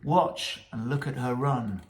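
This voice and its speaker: British male host, keen music commentator, average pitch, echoey room. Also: slow pace. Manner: enthusiastic, recites lyrics aloud. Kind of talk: lyric commentary and reading. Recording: roomy echo.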